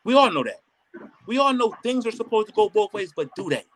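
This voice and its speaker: A man's voice: high voice, very animated, fairly quick. A man co-hosting a casual podcast, arguing emphatically and acting out quotes, with some profanity. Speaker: podcast co-host.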